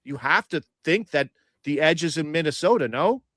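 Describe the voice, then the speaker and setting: A man's voice: fairly high pitch, lively intonation, moderate pace, fairly bright tone, no echo, clean studio sound. A young man hosting a sports betting chat, feisty and argumentative, firing off stats.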